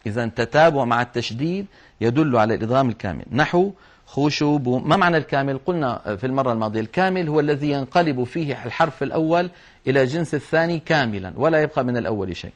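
A male teacher at an ordinary middle pitch talks through a lesson one point at a time. He slows down to chant short examples in a drawn-out voice, then goes back to plain explaining. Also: animated. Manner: patient step-by-step explaining, chanting examples slowly. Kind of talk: explanatory lesson on Quran orthography marks.

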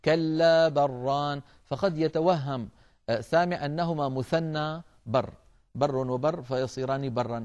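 A man teaching the rules of Quran recitation in a recorded lesson, explaining step by step, addressing listeners as brothers and filling pauses with a drawn-out "aah". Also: fairly high pitch, a little mellow, lo-fi sound.

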